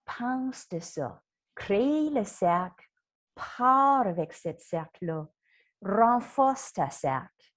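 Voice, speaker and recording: Slow calm lady, coaching breathing and mantras. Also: medium pitch. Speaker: wellness coach. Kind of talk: guided mindfulness lesson.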